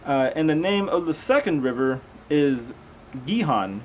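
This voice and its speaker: An amateur host with a fairly high-pitched, animated voice reads scripture aloud haltingly, stumbling over unfamiliar words in the old text. He adds casual, conversational commentary along the way, and faint background noise runs under the amateur recording.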